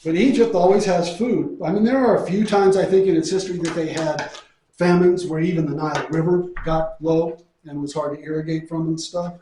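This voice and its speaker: A man's voice: on the high side, darkish tone. A middle-aged man from New Mexico teaching a Bible lesson in a folksy, storytelling way, asking and answering his own questions. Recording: echoey room, far from mic.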